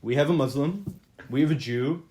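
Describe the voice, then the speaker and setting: A man's voice: mid-range voice, normal speed, a crowd in the background. A young man from Canada co-hosting a casual podcast, joking and laughing often. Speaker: podcast co-host. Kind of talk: casual chat.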